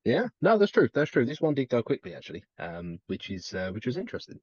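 This podcast co-host, a man whose family roots are on the south coast of Wales, talks fast in casual chat that rambles and hesitates, packed with fillers and false starts. His mid-range pitch swoops wildly, and his sound is a little mellow with a breathy edge. There's no room sound, and the audio is dull.

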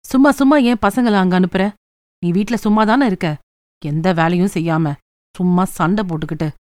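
A woman's voice: mid-range voice, fairly even intonation, normal speed, a little mellow, no room sound, clean studio sound, lightly acted. Irritable snapping husband, read by a woman. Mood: angry. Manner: curt, angry.

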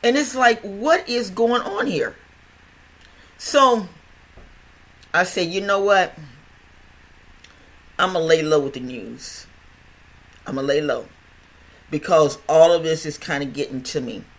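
This older podcast host, who has a stutter, takes his time with long pauses and lively intonation, his medium-pitched voice a bit bright. His casual health monologue rambles chattily, with frequent restarts and repeated words.

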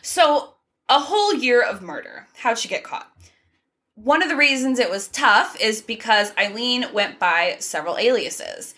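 A woman with a fairly high, animated voice takes her time, sounding pushed and bright. She co-hosts a laid-back true crime podcast, going over case facts chattily with little asides and laughs.

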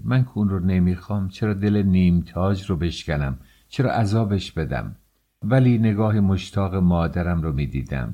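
A man narrating a novel as an audiobook in a measured, expressive reading. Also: deep voice.

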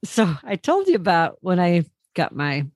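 A woman's voice: on the low side, sing-song, moderate pace, dry recording, clean studio sound. A middle-aged woman in casual chat, telling a story and laughing often.

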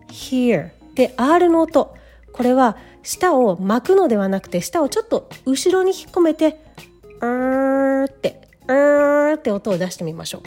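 A woman's voice: sits high, darkish tone. A woman teaching English pronunciation, patiently demonstrating each sound step by step, with faint music behind her.

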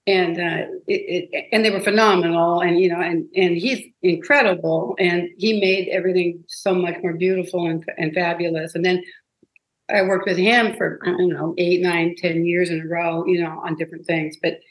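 A woman guest telling stories in an interview, animated and emotional, with many restarts. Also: fairly low pitch, normal speed. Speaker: guest, advertising copywriter. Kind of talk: interview storytelling. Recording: roomy echo.

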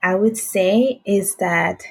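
A woman's voice: mid-range voice, slow, creaky, slightly rough. A young woman from Italy, a guest author speaking in a casual interview, hesitant and full of fillers and restarts.

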